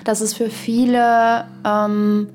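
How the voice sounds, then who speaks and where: A woman co-hosting a podcast speaks slowly in a slightly high, somewhat mellow voice with little pitch movement. In casual discussion over background music, she searches for words, rambles, and trails off mid-thought.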